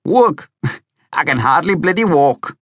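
A man's voice: a little high, animated, fairly quick, bright, forceful tone, dry recording, pitched above the performer's own voice. A man doing a hearty old bin man. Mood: jokey. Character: cheerful old bin man, wry and joking.

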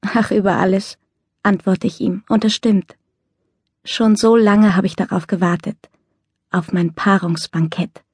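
Woman narrating an audiobook, first person, slightly husky voice, dry close-mic studio sound. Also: medium pitch, steady tone, unhurried, darkish tone, no room sound.

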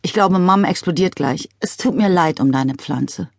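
A woman voicing a dry-witted young girl in an audiobook story, speaking deadpan and consoling. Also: fairly low pitch, normal speed, no echo, voice pushed up.

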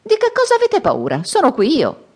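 A woman's voice: very high voice, wildly swooping pitch, fairly quick, a little mellow, voice pushed up, heavily acted. A woman voicing a cheeky, shape-shifting male monkey king who talks in a cocky, teasing way.

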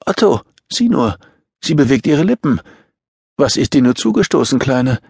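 A man's voice: medium pitch, lively intonation, brisk, gravelly, mellow, slightly rough, no room sound, studio quality, pitched above the performer's own voice. A man voicing an alarmed, caring woman who asks anxious, urgent questions.

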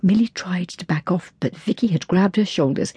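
A woman reading an audiobook in a soft, breathy, measured way, close to the mic. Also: on the low side, dry recording. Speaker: audiobook narrator. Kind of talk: scripted audiobook narration. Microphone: close studio mic.

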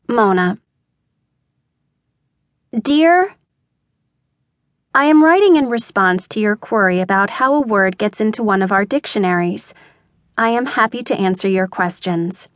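Measured woman reading a letter. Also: medium pitch, no room sound, clean studio sound. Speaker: audiobook narrator. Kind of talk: scripted narration.

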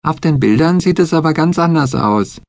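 A man's voice: lively intonation, normal speed, gravelly, darkish tone, no echo, studio quality. A man doing a naive, sulky young secretary. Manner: high, sulky, petulant.

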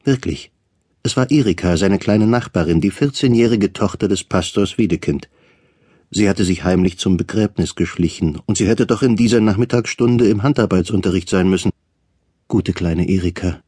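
A man narrating a classic novel as an audiobook in a measured, composed way, recorded in a studio. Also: deep voice, dark tone, breathy edge, no room sound. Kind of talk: scripted literary narration.

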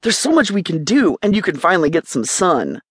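A woman voicing an excited, upbeat young man who loves to party, in an audiobook. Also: fairly low pitch, a little fast, slightly rough, no echo, studio quality. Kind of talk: audiobook character voice.

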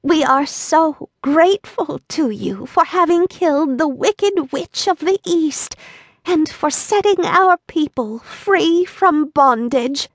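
A woman voicing a tiny, kindly old woman with a sweet voice who speaks slowly and courteously. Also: high voice, no room sound, voice pushed up, heavily acted. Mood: welcoming. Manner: slow, courteous, calm.

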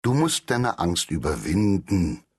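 Guy voicing a kind uncle hare, calm and encouraging, a bit deeper, storybook. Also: slow pace, husky, exaggerated voice. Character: kindly, sensible grown-up uncle hare.

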